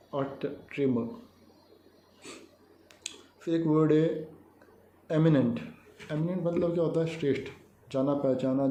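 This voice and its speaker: A man teaching English vocabulary, explaining each word and spelling it out letter by letter in a calm lecture. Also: a little high. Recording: echoey room with faint ambient noise.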